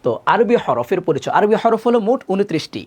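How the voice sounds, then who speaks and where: A male Quran teacher leading a live lesson, his voice rising and falling widely as he drills Arabic letters. He calls out each sound loudly and repeats it several times, then drops to a quieter tone to explain. He speaks straight to his viewers and asks them to repeat after him. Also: high voice, sing-song, quick pace, breathy edge.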